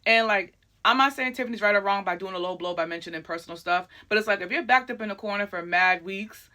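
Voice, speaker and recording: A woman hosts a casual recap with a bright, forward tone. She talks in an excitable, chatty rush, packed with fillers and asides. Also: mid-range voice, fast talker. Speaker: wrestling recap host.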